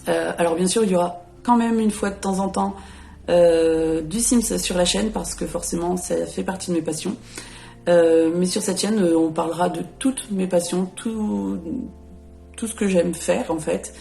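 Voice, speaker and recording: Speaking at normal speed over faint background music, a late-thirties YouTuber casually tells the camera about herself and her channel. Her voice sits on the low side, gravelly yet warm, and her delivery is hesitant, packed with fillers and self-corrections.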